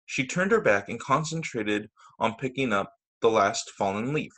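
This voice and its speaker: Over a video call, a male teacher reads a children's storybook aloud, deliberately emphasizing key words and tossing in short asides to his listeners. His mid-range voice is expressive and a bit bright.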